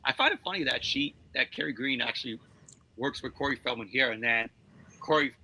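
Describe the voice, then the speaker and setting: A man's voice: medium pitch, fairly quick, pushed and bright, breathy edge, poor audio. A young man chatting casually during a movie watch-along, dropping bits of film trivia as he goes. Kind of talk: casual chat among friends.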